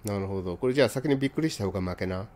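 A man's voice: fairly low pitch, lively intonation, rapid-fire, a little mellow. A man hosting a game let's play, teasing and bossing his co-host in casual chat on a close mic. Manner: teasing, bossy banter.

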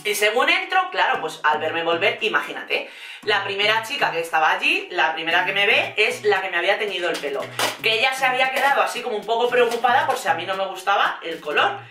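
A young adult woman from Spain with a Spanish accent, telling a story in a vlog while doing her makeup, theatrical and animated, acting out her quotes. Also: mid-range voice, fast, slight background noise. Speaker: vlogger. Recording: roomy echo, mic at a distance, faint music.

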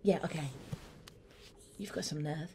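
A woman voicing a nervous, prickly young woman who talks low, quiet and tense in a comedic gaming role-play. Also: fairly even intonation, unhurried, slight background noise.

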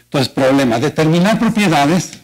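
A man's voice: a little high, expressive, moderate pace, poor audio. A man with a Mexican Spanish accent giving a university mathematics colloquium talk in an auditorium, explaining step by step and asking the audience rhetorical questions. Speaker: mathematics lecturer. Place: lecture auditorium.

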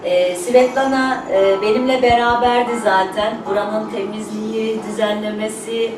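A woman's voice: fairly high pitch, fairly even intonation, normal speed, over music. A woman hosting an event, giving an informal thank-you speech in an earnest, emphatic, repetitive way. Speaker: company representative hosting a showroom opening. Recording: echoey room, distant mic, noisy background.

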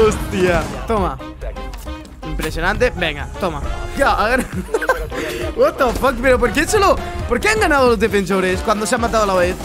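A man's voice: sits high, big pitch swings, a little slow, music in the background. A young man from Spain with a Spanish accent, reacting to gameplay clips, exclaiming, laughing and swearing as he goes. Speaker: gaming YouTuber reacting to clips. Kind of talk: excited gameplay reaction commentary.

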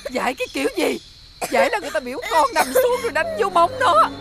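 A woman's voice: extremely high pitch, very animated, fast, vocal fry, heavily acted. An actress playing an older grandmother, scolding her son in outrage, in a TV drama. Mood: outraged. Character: horrified, furious old grandmother protecting a grandchild. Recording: loud background score.

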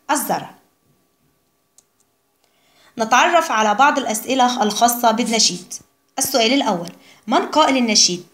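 A woman teacher gives an Arabic lesson for young pupils, reading word lists slowly and carefully. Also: on the high side, a bit bright. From Egypt. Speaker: primary school Arabic teacher. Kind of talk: recorded classroom lesson.

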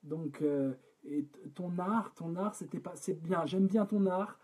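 A man's voice: high voice, slightly rough. A French man writing a song live, singing draft lines over guitar and talking through syllable counts with the chat. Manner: sings lines over guitar, then breaks off to talk quickly and softly about syllables. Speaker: songwriter leading a live collaborative session.

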